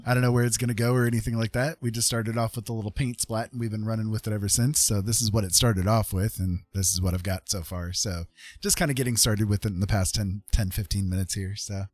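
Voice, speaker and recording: A man with a lowish, steady, slightly mellow voice talks fast over background music, with no room sound. He's a digital artist hosting a casual live stream, cracking jokes and bantering playfully with viewers in a conversational way.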